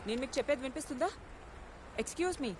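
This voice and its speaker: A woman's voice: high voice, lively intonation, fast, heavy background noise. An actress playing an assertive, composed female doctor in a film. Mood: insistent. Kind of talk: film dialogue.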